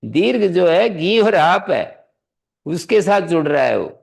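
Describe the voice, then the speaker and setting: Gravelly-voiced man teaching a grammar class. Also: fairly high pitch, very animated, measured pace. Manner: quizzes students, presses them to answer aloud; patient step-by-step explaining. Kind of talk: classroom lesson.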